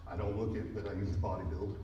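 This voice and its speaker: A man's voice: on the low side, flat delivery, fast talker, dark tone, muffled recording. Man in his 30s, casual self-deprecating testimony, slightly winded; distant mic in a roomy hall, audience noise. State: a little out of breath. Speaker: speaker at a business event. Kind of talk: personal testimony talk to a live audience. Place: large event hall with a live audience. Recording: echoey hall, mic far off, crowd noise.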